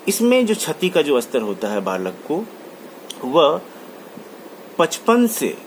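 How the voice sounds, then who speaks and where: Male lecturer, lively pitch, repeats terms, faint background noise. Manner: repeats key terms, restates points; mixes English terms into Hindi. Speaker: college lecturer. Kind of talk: classroom lecture.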